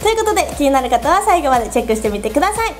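A young woman with a high, lively voice chats through her favourite makeup in a casual, upbeat vlog. She is playful and talkative, and faint music plays quietly behind her. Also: rapid-fire. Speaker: beauty vlogger. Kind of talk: casual product review.

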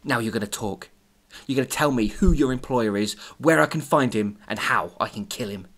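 A woman reading a cold, threatening male ninja in a quiet, menacing voice. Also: medium pitch, a little fast.

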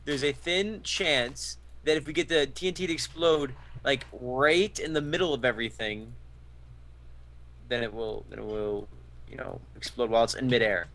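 A man chatting over a game, goofy and excitable, repeating silly catchphrases. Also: medium pitch, normal speed. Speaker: gamer co-host. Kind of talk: casual gaming banter.

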